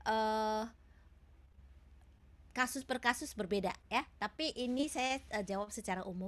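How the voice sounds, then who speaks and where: A woman's voice: medium pitch, a bit bright. A woman giving a webinar talk, patiently answering questions with many hesitations and tag questions. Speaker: seminar speaker. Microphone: video call.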